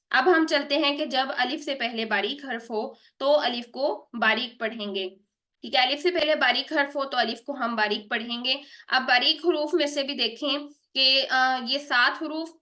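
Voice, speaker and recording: A woman leads an online Quran recitation lesson in a bright, clear voice that sits a little high. She talks patiently, keeps checking in with her students and drags out the sounds she is modelling. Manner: patient, repeats "theek hai" and models sounds slowly.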